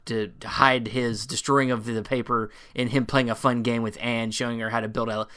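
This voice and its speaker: A man co-hosting a casual film podcast, giving measured, blunt opinions. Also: mid-range voice, flat delivery, bright, forceful tone, smooth. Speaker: podcast co-host.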